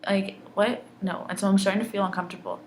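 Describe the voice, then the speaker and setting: A woman's voice: medium pitch, flat delivery, rapid-fire, slight background noise, low-quality recording. A young woman, upset and angry, telling a personal story in a vlog and swearing heavily. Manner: angry, intense, heavy swearing. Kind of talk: emotional personal vlog rant.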